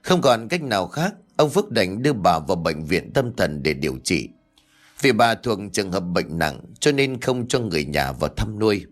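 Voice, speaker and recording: A man narrating a ghost story in a measured storytelling manner. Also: fairly low pitch, big pitch swings, faint music behind. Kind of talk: scripted horror story narration.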